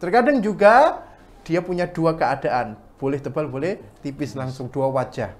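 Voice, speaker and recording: Man with a higher voice teaching recitation to a class; draws out sounds, then corrects. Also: animated, a little hiss or hum. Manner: demonstrates sounds slowly, then corrects firmly.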